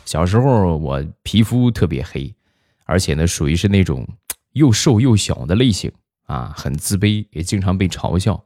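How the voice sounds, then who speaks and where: Man, low voice, deadpan comic narration, dry close mic. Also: moderate pace, no echo, soft background music. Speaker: comic storyteller.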